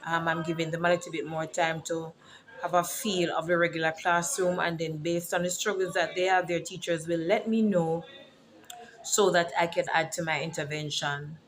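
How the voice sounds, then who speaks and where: A woman's voice: lowish voice, steady tone, normal speed, slight background noise. A woman from Jamaica with a Jamaican accent, a teacher and author talking casually to camera and explaining words like a lesson. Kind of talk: casual vlog.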